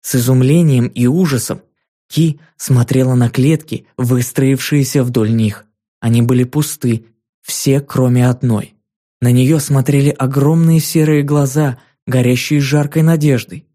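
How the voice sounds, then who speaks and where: Mellow male audiobook narrator. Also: medium pitch, steady tone. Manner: measured storytelling reading. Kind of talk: scripted narration.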